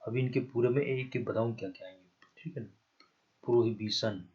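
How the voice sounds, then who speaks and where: In a dull, lo-fi recording of a classroom lecture, a Hindi-accented man preps students for an exam while writing on a board. His mid-range voice is brisk, slightly mellow and breathy; he spells out terms letter by letter and keeps asking "ठीक है ना".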